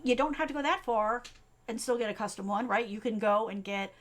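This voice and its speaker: Fast-talking East Coast woman coach. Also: fairly high pitch. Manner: fast, chatty, many fillers and tag questions. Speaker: host, tech coach. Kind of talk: live-stream tutorial talk.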